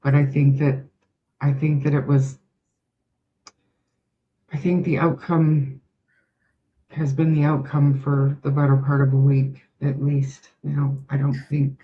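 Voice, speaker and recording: Panel commentator on a dull lo-fi call mic that cuts in and out with uneven volume; halting, restarting delivery. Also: mid-range voice, completely flat delivery. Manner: halting, hesitant speech with restarts. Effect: mic cutting in and out, uneven volume. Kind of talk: online video discussion. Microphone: computer mic on a video call.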